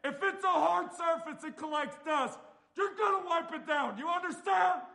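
A man barking orders at recruits as a military drill sergeant, in shouted commands. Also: extremely high pitch, moderate pace, creaky.

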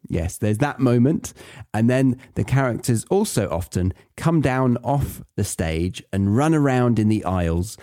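With a lowish, warm voice, a podcast host from Britain talks casually on his own, explaining things for people learning English. The recording is dry and studio-clean.

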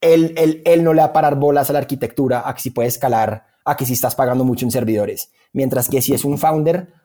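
A startup founder with a Colombian accent answers interview questions as a guest, speaking casually and often repeating words for emphasis. His voice is medium-pitched and mellow, and he talks fast.

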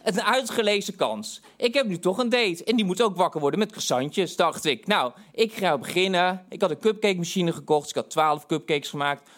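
A man in his thirties tells a true story from his own life with frank, self-deprecating humour. His speaking voice sits a little higher than most men's, and he keeps slipping into quoting his own thoughts as the tale unfolds. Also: expressive, fairly quick, hardly any pauses, a bit bright. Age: 30s. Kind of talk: live comic storytelling.

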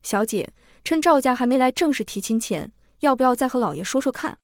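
A loyal young maid, voiced by a woman storyteller asks questions with hesitation. Her voice is slightly high, recorded dry and close. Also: lively intonation, fairly quick, no echo. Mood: doubtful.

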